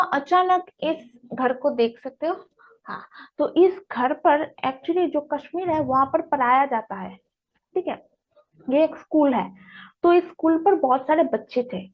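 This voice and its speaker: A young woman hosting a casual news explainer, checking in with listeners often as she explains. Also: high voice. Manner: chatty, frequent "theek hai" check-ins. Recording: dull lo-fi recording.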